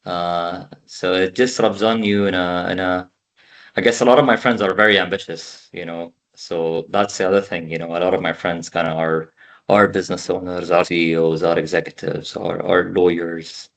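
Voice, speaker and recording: A man from the Emirates in his thirties speaks with a very low voice. He talks casually over a video call, pausing and repeating words while he gathers his thoughts. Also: fairly even intonation. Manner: halting, repeats words while thinking aloud. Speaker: podcast guest. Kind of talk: casual conversation.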